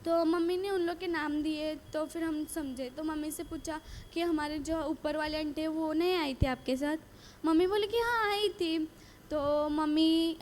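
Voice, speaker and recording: At a retreat, a woman with a high voice gives an earnest personal faith testimony, repeating phrases and acting out dialogue from her story. There's slight background noise.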